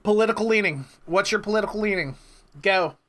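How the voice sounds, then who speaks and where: There's slight background noise as a man in his thirties, in a high, fairly bright voice and a fairly quick pace, teases someone over the phone. Acting as prank caller and interviewer, he keeps the chat casual while probing with questions.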